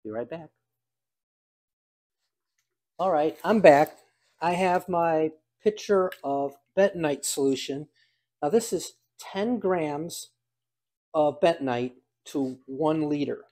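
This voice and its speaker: A man's voice: a little high, slow pace, pauses often, darkish tone. An older man giving a casual hands-on demonstration, talking aloud in a folksy, dryly humorous way. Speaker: home cider maker demonstrating.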